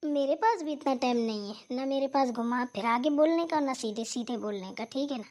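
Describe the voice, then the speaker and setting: A sharp-tongued, lazy sister-in-law from a cartoon family squabble, as a woman voices her. Her voice sits high and her delivery is blunt and scolding. She tags her lines with a challenging "right?". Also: moderate pace, close to an everyday voice. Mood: rude. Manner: blunt, scolding, repeats "theek hai na". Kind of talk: cartoon voice acting.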